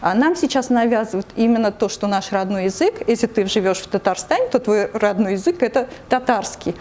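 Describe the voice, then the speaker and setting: A woman from Tatarstan, Russia, a member of an anti-corruption committee, is a guest in an interview. Her voice is medium in pitch, a bit mellow, and fairly quick, with lively intonation. She explains her view earnestly but hesitantly, full of fillers and restarts.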